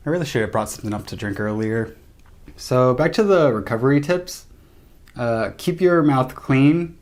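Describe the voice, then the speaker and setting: A young man talking casually to camera in a low-key, conversational way, sharing tips as a vlogger. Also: expressive, normal speed, darkish tone. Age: young adult. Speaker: vlogger giving recovery tips. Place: small room indoors, seated at a table.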